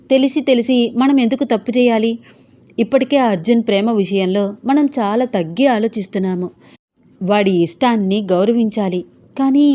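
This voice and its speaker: A woman's voice: on the high side, warm tone, lightly acted. A woman voicing a firm, traditional middle-aged mother who insists sternly in a storybook reading.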